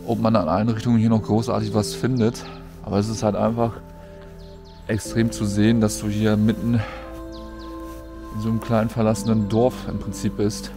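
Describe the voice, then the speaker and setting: A man's voice: lowish voice, level tone, moderate pace, creaky, over music. A man giving an informal, colloquial walk-through commentary as a vlogger out and about. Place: mostly outdoors, walking through an abandoned housing estate.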